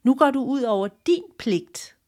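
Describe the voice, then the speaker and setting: A woman's voice: high-pitched, expressive, darkish tone, pitched above the performer's own voice. A woman voicing a proud male human king who speaks emphatically. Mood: urgent. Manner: emphatic, exclaiming questions. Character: proud human king, hasty then humbled.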